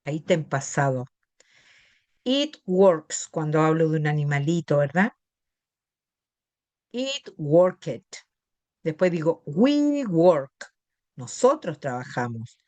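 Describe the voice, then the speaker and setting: Middle-aged Chilean woman, English teacher; unhurried, patient explainer, lowish voice. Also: sing-song, darkish tone, dry recording. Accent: Chilean Spanish. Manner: patient, checks understanding with tag questions. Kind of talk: classroom lesson explaining grammar.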